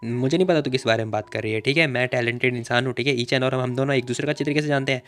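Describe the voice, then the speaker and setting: A man's voice: mid-range voice, fairly even intonation, very fast, fairly bright tone, clear, resonant tone, faint music behind, natural voice. A man reading a boastful young rival woman. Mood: indignant. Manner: indignant, boastful.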